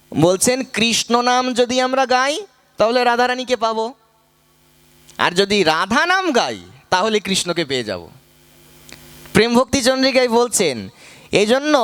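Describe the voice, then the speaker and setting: A man giving a devotional discourse at a night gathering, preaching in a melodic way and leading the crowd in call-and-response chanting, his voice hoarse from calling out. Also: extremely high pitch, a bit bright, no room sound. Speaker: Bhagavat reader and preacher.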